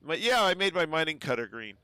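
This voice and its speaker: A man chats in an easygoing, um-heavy way during a casual gameplay livestream, talking fairly quickly with big pitch swings. His relatively low voice is pushed, bright and smooth, captured with no echo by a home desk microphone.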